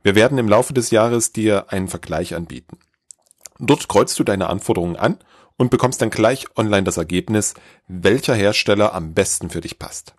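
A man hosts a podcast and reads an upbeat, scripted announcement straight to the listener. His voice is on the low side. The sound is close and dry. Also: moderate pace, dry recording. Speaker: podcast host.

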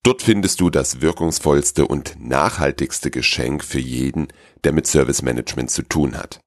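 Very deep-voiced male podcast narrator. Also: normal speed, dry recording, studio quality. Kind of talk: storybook narration.

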